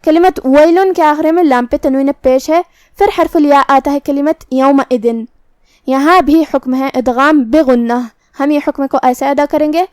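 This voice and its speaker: High-voiced woman teaching Quran recitation rules. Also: fairly even intonation, dry recording, studio quality. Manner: methodical, explains each rule step by step. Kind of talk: tajweed lesson explaining rules.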